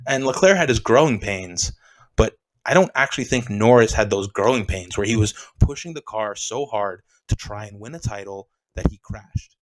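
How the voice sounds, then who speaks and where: A man co-hosting a podcast, talking casually and with strong opinions, animated and dropping "dude" often. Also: fairly low pitch, moderate pace, poor audio. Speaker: podcast co-host. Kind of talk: casual sports chat.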